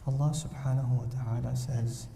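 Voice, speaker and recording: A man doing an impression of a dry academic scholar who lectures slowly and in a monotone, recorded in a reverberant hall. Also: creaky, distant mic, close to an everyday voice. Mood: droning. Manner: slow, low, monotone lecturing. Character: dry, droning male hadith scholar, academic. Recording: reverberant hall with faint noise.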